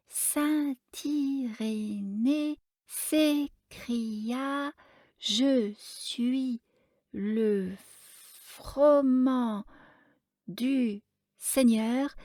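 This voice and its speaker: A woman doing a little girl reading haltingly. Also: on the high side, a little mellow, no echo, voice pushed up. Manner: slow, halting, solemn reading. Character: little orphan girl reading aloud syllable by syllable.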